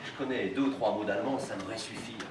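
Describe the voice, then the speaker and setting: A man's voice: on the low side, quick pace, close to an everyday voice. A man acting on an amateur stage as a scheming, bossy man who scolds his simple brother in slangy talk. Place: theatre stage. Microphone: far room microphone. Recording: echoey hall recorded from far, noisy.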